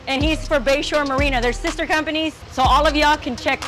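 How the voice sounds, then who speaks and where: A woman's voice: high voice, steady tone, fairly quick. A woman hosting a travel vlog outdoors, chatting upbeat to her viewers and calling them y'all, recorded on an action camera or phone. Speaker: travel vlogger and host. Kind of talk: casual vlog narration to viewers. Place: outdoors at a marina and riding a jet ski on open water. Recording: background music under the voice. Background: music.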